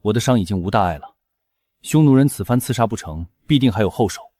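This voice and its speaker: A cocky young general. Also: male voice, fairly low pitch, expressive, fast talker, mellow. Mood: steady. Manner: offhand and confident. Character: bold young male general, cocky and brave.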